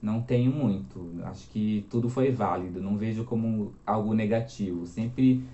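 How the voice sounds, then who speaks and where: A young man in his twenties from Minas Gerais tells his story as an interview guest, chatty and animated. His voice sits at a middle pitch with a dark, mellow tone. The recording is roomy and a little dull. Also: normal speed. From Minas Gerais, Brazil. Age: 20s. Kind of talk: casual interview chat.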